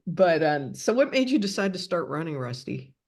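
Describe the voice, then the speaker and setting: A woman's voice: sits low, big pitch swings, normal speed, darkish tone. A woman in her sixties interviewing a guest in a casual, chatty way, asking questions and laughing easily. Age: 60s. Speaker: podcast interviewer.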